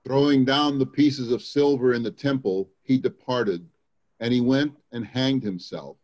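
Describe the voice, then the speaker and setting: On a slightly dull recording, a man reads scripture in a dramatic church reading. His pitch is average for a man. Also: measured pace, a little mellow. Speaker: church reader.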